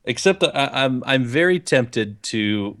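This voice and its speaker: A gaming podcast co-host chats casually into a desk microphone with a pop filter at his home recording setup on camera. His mid-range voice is fairly bright with lively intonation at a measured pace, and his talk is rambling, chatty and jokey.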